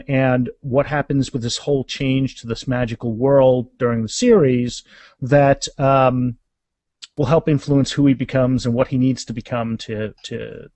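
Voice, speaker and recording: Guesting on a podcast as an author, a man of about fifty chats casually and with enthusiasm, rambling as he talks. His voice is medium in pitch and darkish in tone, with no echo.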